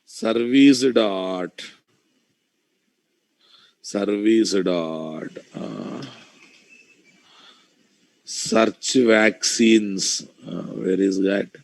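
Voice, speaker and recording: A man's voice: lowish voice, drawn-out words, creaky, long pauses, no echo, rough recording. A man with a Telugu Indian accent giving an informal live coding lecture, thinking aloud, repeating his phrases and putting questions to his students. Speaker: programming instructor.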